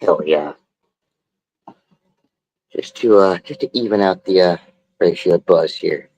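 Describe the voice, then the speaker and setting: While drawing on a phone stream, a tattoo artist makes easygoing conversation in a drawling, slangy way. He has a deep, darkish voice and an unhurried pace, and the recording is rough.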